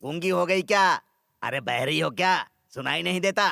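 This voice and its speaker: A man's voice: on the high side, normal speed, gravelly, bright, forceful tone, slight background noise, full character voice. A man dubbing a bossy, lazy husband and father who grumbles and nags. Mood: grumbling. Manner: grumbling, nagging. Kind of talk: Hindi film dub, comic.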